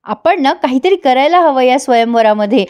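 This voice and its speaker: Confident encouraging young woman read by a woman, high voice. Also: animated, normal speed, a little mellow, clear, resonant tone, dull audio.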